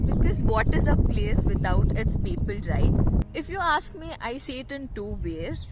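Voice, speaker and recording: A woman's voice: a little high, noisy background. A woman with an Indian, Kannada-influenced accent, chatting conversationally to viewers as a vlog host without a dedicated microphone. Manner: conversational, frequent "you know" and "right" tags. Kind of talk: casual explanatory chat to viewers. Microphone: camera or phone built-in, no external mic. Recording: music behind, no dedicated microphone.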